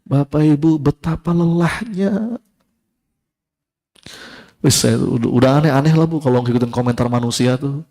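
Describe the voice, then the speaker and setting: A male Islamic preacher giving a sermon to a live congregation, a lively storyteller who talks straight to his listeners. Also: medium pitch, normal speed, long pauses.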